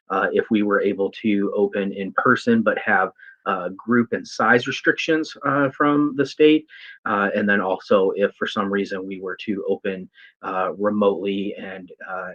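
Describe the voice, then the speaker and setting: A man with an American accent giving an informal, halting briefing to staff as a coordinator. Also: on the low side, fairly bright tone. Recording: dull, lo-fi sound.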